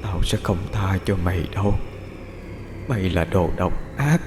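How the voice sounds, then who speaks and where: A man's voice: low-pitched, animated, a little slow, noisy background. A man voicing the whispering, vengeful ghost of an old grandmother in a spoken horror story. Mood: cold reproach. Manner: cold, whispering.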